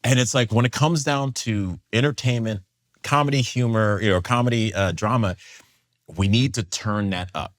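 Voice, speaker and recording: A man speaking as a guest in a casual panel discussion, animated and full of fillers. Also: fairly low pitch, normal speed. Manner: animated, acts out quoted voices, many fillers.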